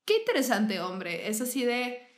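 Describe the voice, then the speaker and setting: A young woman with a Mexican accent tells animated stories in a casual podcast chat, swearing freely and slipping into English. Her voice sits a little high and bounces around an echoey room. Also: normal speed. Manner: slangy, swears a lot, mixes in English, animated storytelling. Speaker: podcast co-host.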